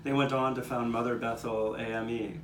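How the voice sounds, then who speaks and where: A puppet-show narrator plays a 19th-century Philadelphia man recalling hard times for his neighbors, telling the scripted first-person story with earnest recollection. His mid-pitched voice is level, brisk and close to everyday speech. Performed live in an outdoor courtyard, it sounds roomy and distant from the mic, with clear background noise.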